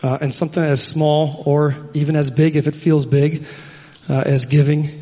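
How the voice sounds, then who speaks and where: An earnest man thanks the congregation from the front, with some filler words. His voice is a touch high. The sanctuary's long reverb trails behind him. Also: little pitch movement, moderate pace, mellow, slightly rough. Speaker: church leader giving thanks. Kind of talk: church announcement.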